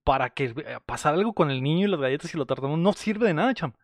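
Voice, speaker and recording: A man's voice: on the high side, lively intonation, quick pace, dry recording, studio quality. A man with a Mexican accent, a podcast co-host who gives a slangy, joking recap of a film plot in casual chat. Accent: Mexican Spanish.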